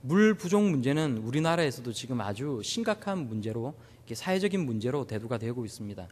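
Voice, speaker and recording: A man's voice: medium pitch, big pitch swings, a little fast, darkish tone. Male pastor, Gyeongsang accent, sermon, humorous anecdotes, long hall reverb. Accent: Gyeongsang Korean. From Busan.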